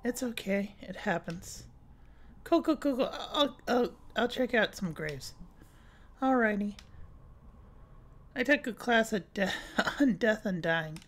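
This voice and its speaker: A woman's voice: medium pitch, lively intonation, takes it slowly, pauses often. A woman hosting a let's play, chatting casually and reading dialogue aloud with frequent giggles. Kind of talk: casual gameplay commentary.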